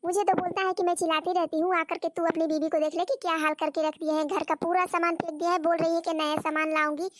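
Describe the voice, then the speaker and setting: A woman's voice: extremely high pitch, little pitch movement, fast talker, few pauses. A woman voicing a nagging, exasperated old mother-in-law in a cartoon story, scolding and repeating herself. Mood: complaining. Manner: scolding, repeats words, calls on God. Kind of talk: Hindi cartoon story voice acting.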